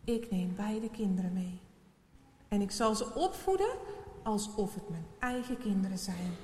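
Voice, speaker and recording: Woman voicing a gentle fatherly gentleman, slow, for a story reading in a reverberant hall. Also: mid-range voice, animated, natural voice. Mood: kind. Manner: kind, gentle. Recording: roomy hall with faint hiss.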